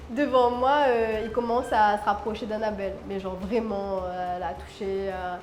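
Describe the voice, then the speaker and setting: A woman from Réunion, a guest, telling a personal story in an expressive, dramatic way. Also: medium pitch, a little slow, a little hiss or hum. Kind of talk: animated storytelling. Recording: roomy room with faint music.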